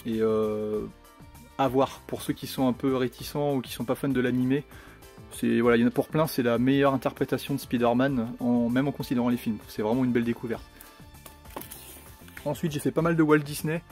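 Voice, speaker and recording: Male vlogger, middle pitch, casual and rambling, faint background music. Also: a little mellow. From France. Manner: chatty, rambling with many fillers and restarts. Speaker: steelbook collector vlogger. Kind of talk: casual collection showcase.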